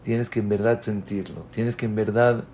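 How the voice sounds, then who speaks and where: A man giving a religious talk on parenting, speaking deliberately and putting questions to his listeners. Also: lowish voice, fairly even intonation, a little mellow, a little hiss or hum. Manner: slow, deliberate, addresses the audience with questions. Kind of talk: religious community lecture.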